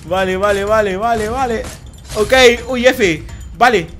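A young man hosting a multiplayer minigame, commentating with excited energy, shouting and laughing at the action. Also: high voice, measured pace, soft background music. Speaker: gaming youtuber hosting a minigame.

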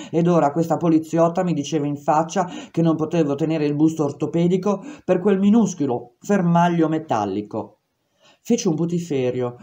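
A woman reading a memoir aloud in steady, measured first-person narration. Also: low-pitched, muffled recording. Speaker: reader.

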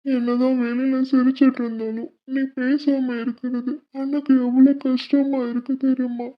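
A woman voicing a loving young adult man who gently pleads with his younger sister in an animated cartoon. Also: high-pitched, moderate pace, lightly acted. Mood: heartfelt. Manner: tender, pleading, emotional. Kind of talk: dubbed animation voice acting. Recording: dull lo-fi recording.

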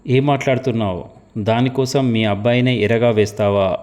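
A man's voice: medium pitch, steady tone, normal speed, darkish tone, close to an everyday voice. A man reading the lines of an angry male agent in an audio story, accusing in tone.

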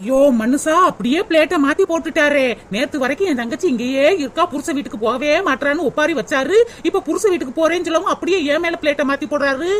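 A woman voicing a sharp-tongued, sarcastic young sister-in-law in a cartoon, with a grumbling manner. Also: sits high, fast, hardly any pauses, slight background noise, lightly acted. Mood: annoyed.

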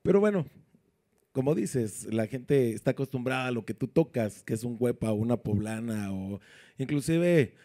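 Dj guy, dark mellow voice, keeps asking questions like a coach. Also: medium pitch, expressive. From Puebla, Mexico. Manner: coaching, asks rapid questions. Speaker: sound system announcer and DJ. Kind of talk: casual interview, giving advice.

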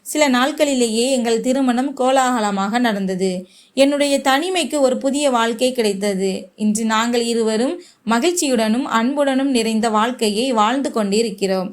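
A woman narrating a first-person story in a measured, heartfelt way. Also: a little high.

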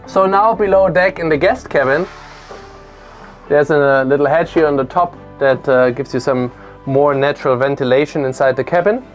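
On a motor yacht out on a lake, a boat presenter in his thirties methodically walks through the deck and cabins, listing features explanatorily for a product tour. Recorded on a lapel mic with faint music behind, he speaks at a moderate pace in a higher voice.

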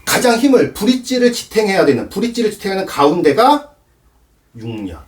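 A man's voice: sits high, very animated, brisk, recorded from a distance. A man giving a cello lesson, explaining with props and counting aloud. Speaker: cello teacher. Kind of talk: demonstration lesson.

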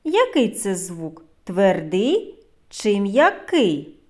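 Slow, sing-song Ukrainian preschool teacher woman. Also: mid-range voice, big pitch swings, a little mellow. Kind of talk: phonics lesson for young children.

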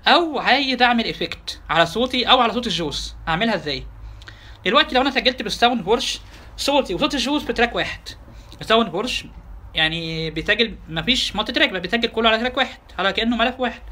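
Speaking with an Egyptian Arabic accent, a software instructor delivers a tutorial lecture at a very fast pace. His voice is high for a man, bright and forceful, and his manner is quick and chatty. He often addresses his listeners directly with rhetorical questions.

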